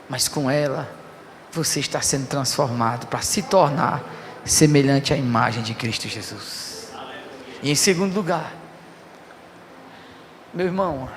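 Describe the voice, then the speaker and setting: A male pastor preaching a fervent sermon, swinging from hushed passages to loud declarations. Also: fairly high pitch, long reverb tail, slight background noise.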